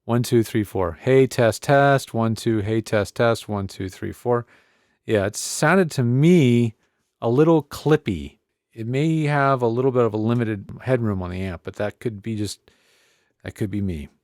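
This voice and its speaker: Speaking at a measured pace in a mid-range voice, with no echo, a tech reviewer walks viewers through a casual tutorial from his home studio. He stays relaxed and chatty, counting off frequent mic checks into his desk-arm condenser mic over a faint computer hum.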